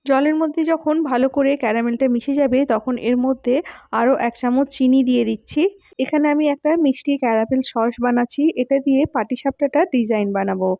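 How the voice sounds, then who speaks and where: A woman, host of a cooking channel, calmly narrating a recipe step by step and speaking to her viewers as friends. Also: sits high, a little fast, vocal fry, dry recording, muffled recording. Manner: calm, instructive, addresses viewers as friends.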